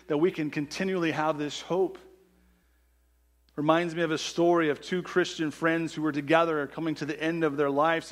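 A man preaching a sermon in a church, reading scripture and asking the congregation earnest rhetorical questions. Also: a little high. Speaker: pastor. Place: church sanctuary.

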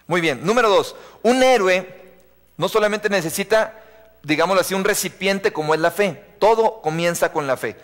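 Emphatic preacher in a reverberant church. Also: male voice, high voice, fairly bright tone. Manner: emphatic preaching with repeated refrains and questions to the audience. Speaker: youth preacher. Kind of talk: live sermon to young people. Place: church sanctuary. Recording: long reverb of a church hall.

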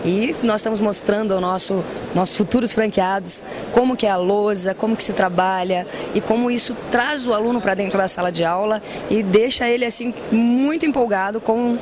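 A woman's voice: mid-range voice, brisk, hardly any pauses, a crowd in the background. A woman in her thirties, a school franchise director, giving an upbeat promotional answer in an interview. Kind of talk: trade fair interview. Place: busy indoor trade fair hall. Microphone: handheld mic held by interviewer. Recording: noisy trade fair hall.

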